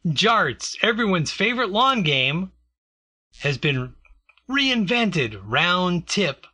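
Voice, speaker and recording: A man's voice: sits high, big pitch swings, takes it slowly, pushed and bright. A man chatting casually and joking sarcastically, who grew up in a Mexican community. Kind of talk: casual chat.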